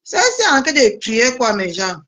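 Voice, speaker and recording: Woman vlogger, higher-pitched, playful and teasing in casual talk. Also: animated, moderate pace, a bit bright. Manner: teasing, playful, chatty to viewers. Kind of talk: casual live video chat.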